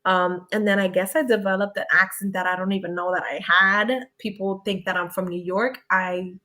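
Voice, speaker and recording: Reading out viewer questions on a live stream and answering them, a young woman from Connecticut chats casually and laughs often; Spanish was her first language. Her mid-range voice has a sharp tone, fairly even intonation and a normal speed.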